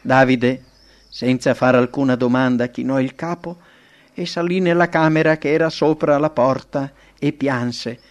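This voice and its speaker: A man's voice: mid-range voice, a little slow. Man reading an audiobook. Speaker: audiobook narrator. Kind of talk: scripted narration.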